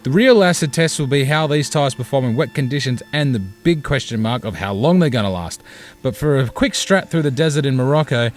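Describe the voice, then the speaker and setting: A man reads a scripted voice-over, measured and steady as he works through technical detail. His pitch sits in an ordinary middle range, with a clean, even delivery. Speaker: motorcycle tyre reviewer.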